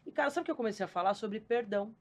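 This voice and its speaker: A woman who gives lectures in schools, speaking as a podcast guest in casual conversation and telling stories in a lively, slangy way. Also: fairly high pitch, rapid-fire, slight background noise. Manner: lively, slangy storytelling with acted-out quotes.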